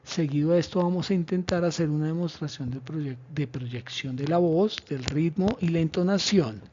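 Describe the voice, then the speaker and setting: Male teacher, slightly high pitch, measured explanatory delivery, lo-fi recording. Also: mellow, slight background noise. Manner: measured, explanatory, with pauses and fillers. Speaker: teacher presenting a lesson plan. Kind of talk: slide presentation. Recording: dull lo-fi recording.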